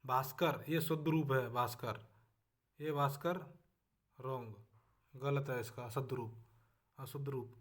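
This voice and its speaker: A man teaching a spelling lesson for exam preparation, speaking with a Hindi accent. He repeats each word to drill it and often trails off softly at the end of a line. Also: medium pitch, fairly even intonation, measured pace, pauses often.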